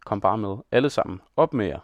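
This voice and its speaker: A man voicing a drunken, brutal young peasant who bellows loudly at his companions. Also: mid-range voice, no room sound, highs cut off, natural voice. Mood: bellowing, brutal. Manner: loud shouting bluster.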